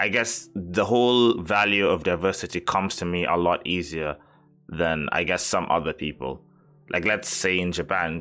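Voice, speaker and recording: A man with a deep voice and a bright, forceful edge chats casually on a podcast. He rambles and leans on fillers as he talks, with faint music underneath. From Kenya. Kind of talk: casual chat.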